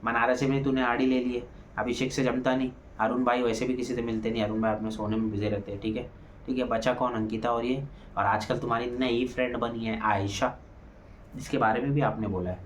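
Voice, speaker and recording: A man's voice: mid-range voice, fairly even intonation, a little fast, slight background noise. A man giving a casual spoken review of a reality show episode. He talks animatedly, asks rhetorical questions, keeps saying "ठीक है", and raises his voice to act out quoted lines.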